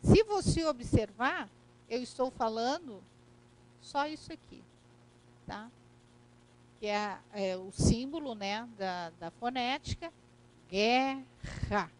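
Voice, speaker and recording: A woman's voice: on the high side, lively intonation, takes it slowly, pauses often, darkish tone, rough recording. A woman with a Brazilian Portuguese accent teaching a recorded grammar lesson, explaining step by step and checking in with "né?" and "correto?".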